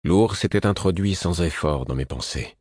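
Narrating in the first person, this man keeps a somber, measured delivery. His voice is extremely deep, husky and a touch mellow, captured up close with no room sound.

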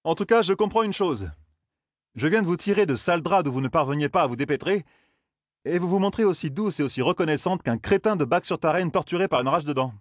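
Man voicing a brash cursing young man, gruff, sarcastic, a bit high, dry close sound. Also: lively intonation, fast, no room sound. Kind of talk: audiobook reading.

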